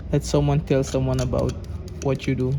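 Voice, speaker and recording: A man with a Cameroonian accent, a repair technician talking calmly as he works, often restarting his sentences. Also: mid-range voice, normal speed, gravelly, noisy background. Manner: calm, explaining as he works, with frequent restarts. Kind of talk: casual workshop vlog talk.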